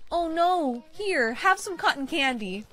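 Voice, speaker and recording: TTS woman as a greedy candy fairy, high voice, sweet-talking, audible noise behind. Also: expressive, measured pace, a bit bright, heavily acted. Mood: sly. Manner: sweet-talking, falsely kind. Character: scheming female cotton candy fairy, sugary and greedy. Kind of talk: text-to-speech storytime narration.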